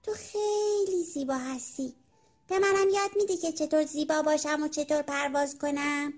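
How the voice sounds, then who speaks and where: A woman's voice: fairly even intonation, natural voice. Woman doing a whiny, jealous little green worm. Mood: eager, pleading. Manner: sulky, pleading, high and tearful. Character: small envious green worm, whiny and eager. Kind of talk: storybook character voice.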